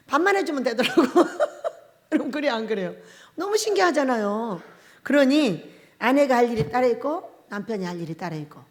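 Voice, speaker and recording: A woman's voice: sits high, in a large hall. A woman pastor preaching a sermon in a church, joking and laughing often as she speaks and acting out little dialogues between husband and wife. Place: church sanctuary.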